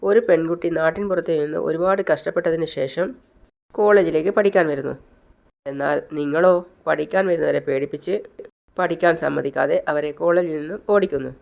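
A man voicing a brave young male professor who firmly scolds bullies, in his own gravelly voice. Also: fairly high pitch, brisk. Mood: scolding. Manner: firm, scolding.

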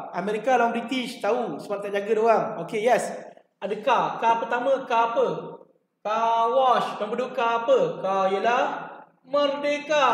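A man's voice: very high voice, a little hiss or hum. An older man with a Malaysian Malay accent teaching a history class, chatty and repetitive, quizzing his students with memory tricks. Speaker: history tutor. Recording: echoey classroom, long reverb.

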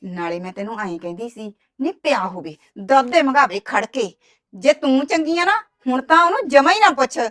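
An actress plays a meddling village gossip in a drama, wheedling and constantly passing along what others said. Her voice is high and expressive, fairly bright, at a moderate pace.

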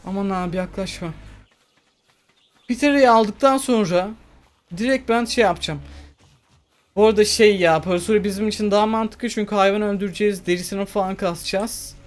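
Excitable woman commenting her gameplay. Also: mid-range voice. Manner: excitable, talks to herself while playing. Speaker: gamer. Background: faint game music.

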